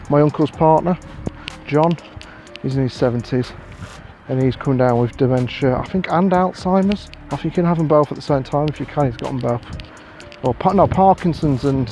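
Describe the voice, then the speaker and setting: An English man in his thirties rambling bluntly and swearing while walking outdoors past fields, filming himself on a phone. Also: medium pitch. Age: 30s. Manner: sweary, blunt, ranting with sarcastic put-on voices. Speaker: vlogger. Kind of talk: casual rambling vlog.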